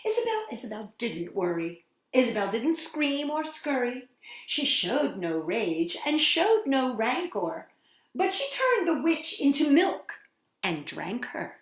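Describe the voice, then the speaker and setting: In a slightly high voice, a woman leading children's storytime dramatizes a picture book, her sing-song delivery climbing and dipping broadly. Words linger and pauses land for effect at her leisurely pace, and the room carries a noticeable echo.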